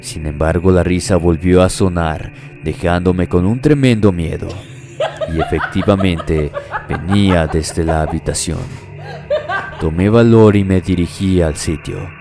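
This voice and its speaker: A man reading a horror story aloud as a scripted narration, in a slow, measured storytelling manner. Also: deep voice. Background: faint music.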